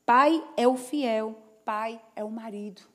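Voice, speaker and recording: Lady pastor preaching, slightly high voice, folksy and chatty, keeps asking the church for amens. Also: slow pace. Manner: call-and-response, asking the congregation "Amém?"; folksy, chatty storytelling with asides. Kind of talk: sermon. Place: church service before a congregation.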